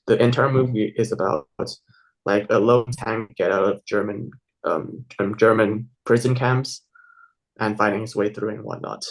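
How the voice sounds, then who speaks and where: Young guy w taiwanese accent, halting, restarts a lot, casual interview. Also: lowish voice, fairly even intonation, low-quality recording. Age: young adult. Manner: hesitant, many fillers and restarts. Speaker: interview guest.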